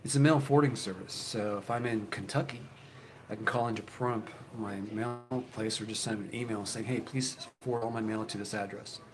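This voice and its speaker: A man's voice: lowish voice, fairly even intonation, brisk. A man in his fifties chatting casually with his viewers as a channel host, rambling and swearing, full of fillers and restarts. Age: 50s. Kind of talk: casual live chat with viewers.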